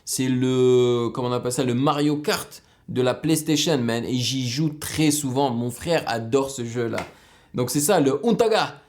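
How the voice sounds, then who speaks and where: A man giving casual, excitable reaction commentary on a music video, explaining the production as he goes. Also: mid-range voice, measured pace. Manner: excitable, bursts into exclamations.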